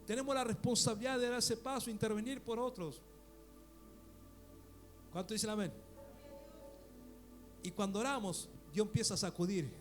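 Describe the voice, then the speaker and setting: A middle-aged man with a Rioplatense Spanish accent, preaching a sermon as pastor, building to loud peaks with rhetorical questions. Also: high-pitched, fairly even intonation, normal speed, long pauses, soft background music.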